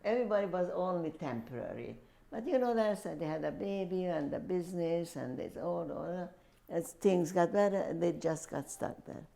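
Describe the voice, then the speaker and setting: An older woman being interviewed about her years as a refugee, speaking haltingly and repeating her words. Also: on the low side, animated, gravelly, mellow. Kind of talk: oral history interview.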